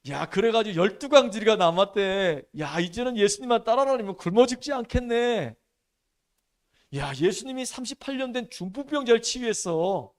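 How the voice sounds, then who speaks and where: Man doing bragging male disciples, excited, loud, swaggering, high voice. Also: moderate pace. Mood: boastful.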